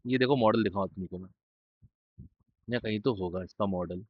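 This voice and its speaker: A man's voice: lowish voice, normal speed, no room sound, muffled recording. A man teaching chemistry in an informal exam-revision lesson. He talks straight to students, repeats key terms and drops blunt, joking asides.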